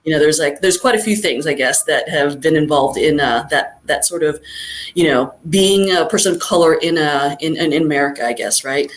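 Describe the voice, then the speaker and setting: A middle-aged guest from Southern California, talking in a casual interview in a thoughtful, rambling way with many fillers. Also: female voice, low-pitched, normal speed. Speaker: guest chiropractor.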